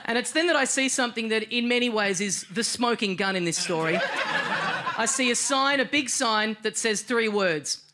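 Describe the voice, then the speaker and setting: Aussie guy doing stand-up on a tv stage, deadpan storytelling, bit of noise in the recording. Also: extremely high pitch, moderate pace. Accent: Australian. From Australia. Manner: deadpan storytelling with sudden shouted outbursts. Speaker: stand-up comedian. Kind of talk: stand-up comedy set. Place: television studio stage with live audience. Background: audience laughter.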